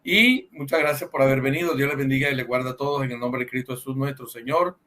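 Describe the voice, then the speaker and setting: A man's voice: medium pitch, fast, fairly bright tone. A man hosting an online program, courteous and formal as he thanks his guest and greets the viewers. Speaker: host.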